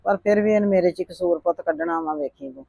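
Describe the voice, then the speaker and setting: A man playing a gentle, meek elderly grandmother who talks softly and resignedly, fearing any quarrel. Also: high-pitched, lively intonation, fairly quick, gravelly, no echo, exaggerated voice. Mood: worried. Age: older. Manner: soft-spoken, resigned complaining. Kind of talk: family drama vlog acting.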